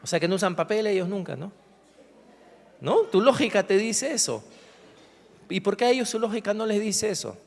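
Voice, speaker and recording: A man's voice: high-pitched, sing-song, normal speed, vocal fry, long pauses, a little mellow. A male pastor preaching a sermon, driving points home with rhetorical questions and emphatic repetition. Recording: long hall reverb.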